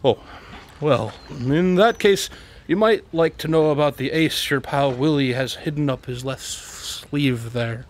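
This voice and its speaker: An actor playing Holmes, a smug, unflappable and eccentric detective with a breezy, pedantic manner, in a radio drama. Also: male voice, on the high side, unhurried. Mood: self-assured. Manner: breezy, self-assured, pedantic.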